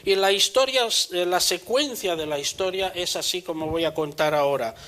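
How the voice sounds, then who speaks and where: A man preaching a sermon in church, measured and earnest, also reading scripture aloud. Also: high-pitched, fairly bright tone, low-quality recording.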